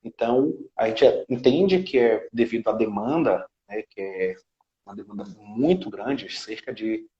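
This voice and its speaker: A man with a Brazilian Portuguese accent, guesting as a citizenship law specialist, explains a legal process one step at a time and often checks in with tag questions during the interview. He sounds animated, with a fairly low, dark voice at a measured pace. The audio is reverberant and muffled.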